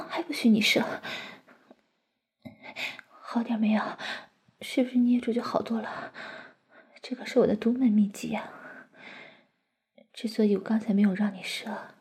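A woman voicing a flirtatious, teasing sister-in-law in an intimate audio roleplay, speaking in a breathy close whisper. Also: a little high, darkish tone. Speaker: voice actress in an adult audio roleplay.

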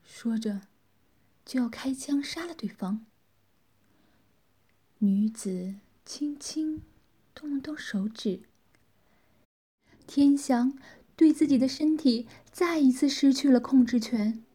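A woman narrates a story in a hushed whisper. Her pace is slow, her voice is airy and breathy, and the tone is dark and mellow. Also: sits high.

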